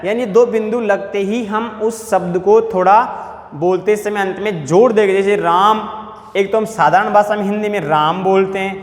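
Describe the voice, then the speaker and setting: A male teacher at a blackboard, drawing out each word slowly for pupils to repeat and often asking if they have understood. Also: high-pitched. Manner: slow, drawn-out syllables for pronunciation drills; addresses pupils directly, asks check questions. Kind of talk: classroom lesson at a blackboard. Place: classroom with blackboard. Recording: echoey classroom with long reverb.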